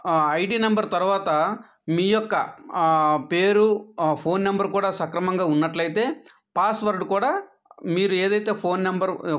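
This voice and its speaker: Patient man explaining an app. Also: fairly bright tone. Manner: patient, instructive, with frequent "aa" fillers; drops pitch at sentence ends. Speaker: app tutorial presenter. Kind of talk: step-by-step screen tutorial narration.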